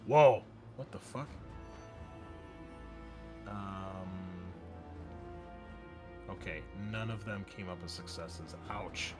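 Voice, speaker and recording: With a deep, expressive voice, a man narrates extremely slowly and leaves long pauses as game master and host of an actual-play show. His informal narration includes wry asides and casual swearing, backed by music.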